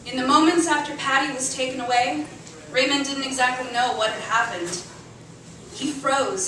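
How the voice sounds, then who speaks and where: At a live literary show in an indoor cafe, a woman with a high, bright voice reads a story to an audience dramatically, acting out chants and dialogue. The venue is very echoey, the mic sits far from her, and there's faint noise.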